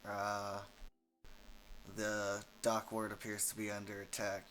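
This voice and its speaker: Male game master, deep and bright, easygoing narration with lots of ums. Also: slow, slight background noise. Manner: relaxed, many fillers.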